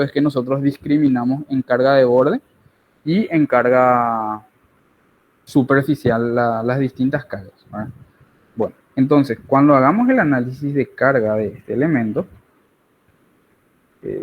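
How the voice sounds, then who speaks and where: Guy tutoring online while drawing, keeps checking if ppl follow, dull call audio. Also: mid-range voice. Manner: explains while drawing, frequent tag questions.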